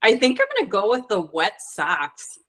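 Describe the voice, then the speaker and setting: A woman's voice: mid-range voice, very animated, moderate pace, rough recording. A woman guest on a podcast, answering in a candid, easygoing way about hunting and dog training. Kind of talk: casual interview chat.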